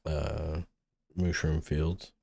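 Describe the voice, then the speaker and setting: Super deep voiced guy mumbling thru a chill game session, sleepy, dry close mic. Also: little pitch movement, extremely slow, creaky, dry recording. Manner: mellow, musing, thinks aloud with restarts. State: sleepy, yawning. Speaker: gaming channel host. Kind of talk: relaxed gameplay commentary.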